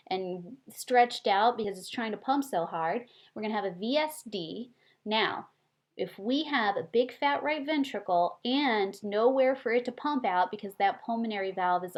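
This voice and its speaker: Woman nursing lecturer, casual animated teaching style with rhetorical questions. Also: mid-range voice. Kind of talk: recorded classroom lecture.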